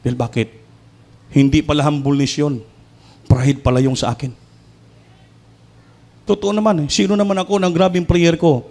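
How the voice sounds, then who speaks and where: A Filipino man preaching with fervor, his fairly high voice climbing sharply when he presses a point and dropping low when he tells a story. He mixes calm narration with loud calls to the congregation. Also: normal speed, pauses often. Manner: fervent, swings from soft storytelling to loud exhortation. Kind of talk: sermon.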